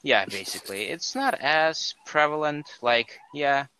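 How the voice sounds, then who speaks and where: A man's voice: fairly high pitch, lively intonation, unhurried, pushed and bright, a little hiss or hum, rough recording. A young man from Estonia talking casually on a podcast, rambling and often correcting himself mid-sentence. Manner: rambling, self-correcting, many fillers. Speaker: podcast co-host. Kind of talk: casual chat.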